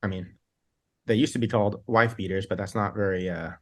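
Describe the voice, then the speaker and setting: A man's voice: on the low side, steady tone, brisk, a bit bright. A man, a band's singer, telling long rambling tour stories in a casual interview, laughing often and restarting his sentences. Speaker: band singer, guest.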